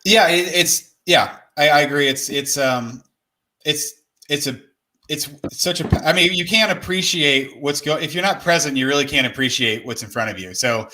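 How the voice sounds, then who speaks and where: A man speaking casually and reflectively in a halting way, often rephrasing as he goes. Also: on the high side, bright, forceful tone.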